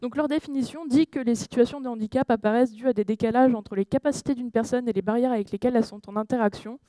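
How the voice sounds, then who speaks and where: Talking fast in a warm voice on the high side, a woman presents at a conference with no echo in the recording. She stumbles with fillers and keeps correcting herself. Questions to the audience let her check whether they're following.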